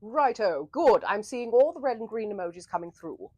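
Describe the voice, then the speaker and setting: A woman hosting an interactive story livestream in a theatrical, flowery old-fashioned manner, with a breathy voice. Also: medium pitch, expressive, brisk, a little mellow, no echo.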